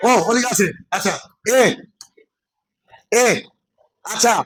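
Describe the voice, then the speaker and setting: A man's voice: high voice, fairly even intonation, slow pace, low-quality recording. A man teaching English in a classroom lecture, explaining step by step and checking that students follow. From West Bengal. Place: classroom with a board.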